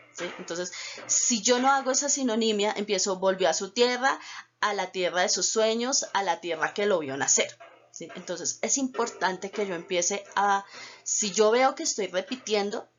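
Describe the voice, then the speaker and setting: A woman teacher giving a recorded tutorial over slides, explaining step by step and often checking in with her students. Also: mid-range voice. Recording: dull lo-fi recording.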